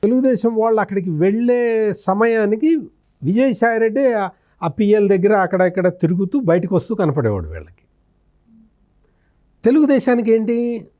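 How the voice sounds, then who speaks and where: Speaking warmly and a bit high, this male journalist talks through political analysis during an interview. He's emphatic and explanatory, raising his own questions, answering them, and circling back to repeated phrases.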